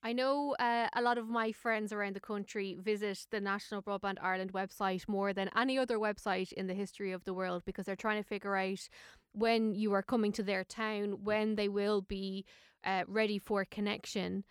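A woman's voice: mid-range voice, fairly even intonation, moderate pace, clear, resonant tone, no room sound, clean studio sound. A woman interviewer putting questions in a conversational style.

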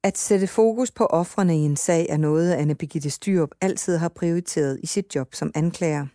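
A woman narrates a documentary script in a calm, measured voice. Her voice sits low and sounds mellow, and the recording is dry. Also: no room sound.

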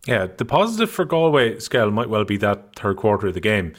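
A man's voice: fairly low pitch, sing-song, fairly quick. A man with an Irish accent hosting a sports discussion in a conversational style. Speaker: sports show host.

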